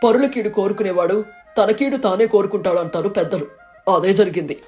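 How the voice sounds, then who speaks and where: A woman voicing a kind, humble poor village man in an animated storybook, speaking gently and earnestly. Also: medium pitch, fairly quick, faint music behind, close to an everyday voice. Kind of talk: storybook character voice.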